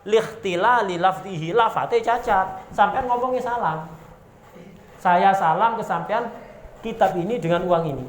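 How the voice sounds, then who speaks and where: A man's voice: sits high, roomy sound, slight background noise. A man with a Javanese accent teaching a religious text, reading Arabic terms aloud, explaining them and throwing questions at his students. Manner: reads Arabic terms then explains them, asks rhetorical questions, jokes. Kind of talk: pesantren kitab lesson.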